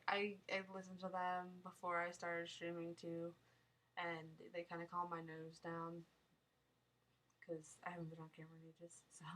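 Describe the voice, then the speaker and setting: A young woman streams live from her home in a small town, casually answering viewer questions, rambling and often laughing. Her lowish voice is fairly bright and nasal from a sinus cold, and the recording quality is low.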